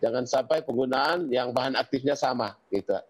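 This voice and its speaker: A man's voice: mid-range voice, fairly quick. A man, a tomato farmer, steadily listing pests and treatments in an interview. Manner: steady, listing items one by one. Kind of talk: practical explanation in an interview.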